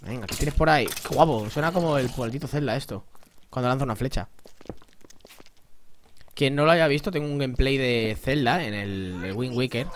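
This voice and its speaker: A young man from Spain with a Spanish accent, giving excitable, jumpy let's play commentary while talking to himself and his viewers. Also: medium pitch, moderate pace, background noise. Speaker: gamer.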